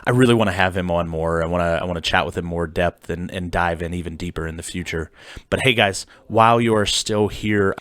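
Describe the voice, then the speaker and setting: A podcast host from central Pennsylvania talks in a low, fairly bright voice at a brisk clip. Recorded in a studio with no echo, he sounds upbeat and friendly, chatting casually and using plenty of fillers.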